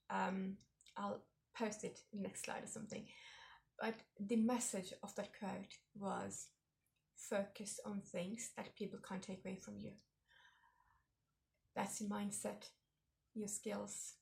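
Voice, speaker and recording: Gravelly-voiced woman in her forties, reflective. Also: mid-range voice. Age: 40s. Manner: reflective, warm storytelling with frequent fillers. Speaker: vlog host. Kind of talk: casual personal vlog.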